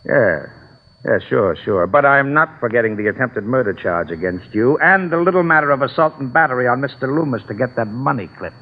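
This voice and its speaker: A gruff, commanding police lieutenant in a vintage radio mystery. His husky voice moves over a lively range. The broadcast sounds thin and phone-like. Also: mid-range voice, brisk. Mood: brisk. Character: gruff middle-aged male police lieutenant. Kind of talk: 1940s radio acting. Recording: tinny old radio broadcast.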